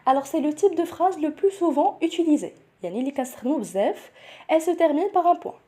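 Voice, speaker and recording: A young woman with a Moroccan accent teaching a grammar lesson for an exam. She mixes French with Moroccan Arabic, explains each point step by step and keeps asking if it is clear. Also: high-pitched, lively intonation, very fast, dark tone. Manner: switches between French and Moroccan Arabic, checks in with "c'est bon?". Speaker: teacher preparing students for nursing school entrance exams.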